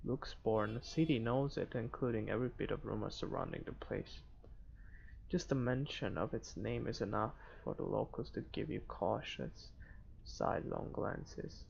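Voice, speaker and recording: Gravelly and darkish, a mid-range voice reads visual novel narration during a playthrough, tossing in casual comments and sometimes stumbling over words. The muffled recording carries a slight hiss or hum and background game music.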